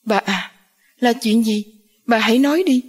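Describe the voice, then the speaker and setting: A woman's voice: fairly high pitch, lively intonation, quick pace, a little mellow, slightly rough. A woman voicing an earnest young man who asks with urgent, anxious pleading. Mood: worried, pleading.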